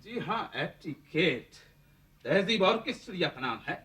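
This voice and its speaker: A drunken young son lashing out at his father in a stage play, played by a man. His high, bright voice is sarcastic and defiant and swings sharply. The sound carries from some distance away. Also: very animated, measured pace, heavily acted. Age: young adult. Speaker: son, Mangal.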